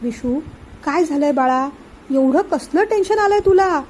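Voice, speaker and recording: A woman's voice: sits high, expressive, unhurried, a little mellow, a little hiss or hum. A woman reading the part of a caring middle-aged aunt who coaxes affectionately. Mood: coaxing. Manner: coaxing, affectionate.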